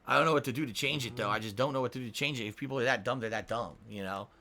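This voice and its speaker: A man's voice: mid-range voice, very fast, sharp tone. A man streaming a game, venting in frustration with heavy swearing and repeating himself as he reads out viewer tips. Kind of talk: casual live-stream chat.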